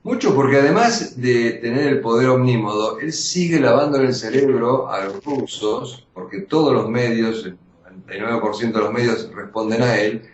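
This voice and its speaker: Older Argentine man, emphatic and roomy. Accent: Argentine Spanish. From born in Austria to Russian parents. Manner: emphatic, measured, with frequent pauses and restarts. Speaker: journalist, interview guest. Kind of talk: interview answers. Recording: roomy, dull lo-fi audio with faint rumble.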